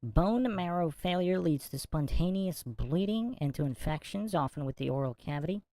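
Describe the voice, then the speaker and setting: Low-voiced smug, sarcastic woman podcaster. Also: lively intonation, normal speed, mellow, dry recording. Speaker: podcast host. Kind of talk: livestream exposé commentary, reading out documents.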